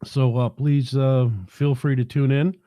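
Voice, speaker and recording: In a clean, dry studio sound, a mellow New Yorker hosts a casual live broadcast from his home in the South while finishing off a head cold. His mid-range voice stays fairly flat in pitch and keeps a measured pace, though his talk rambles in a folksy way, thick with fillers.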